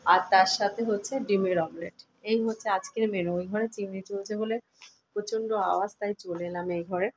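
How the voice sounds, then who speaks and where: A woman's voice: mid-range voice, steady tone, fairly quick, a little hiss or hum, rough recording. A middle-aged woman chatting casually to her viewers while cooking at home, filmed on her phone, now and then breaking off to coax her dog. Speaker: home vlogger. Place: room at home. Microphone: phone camera.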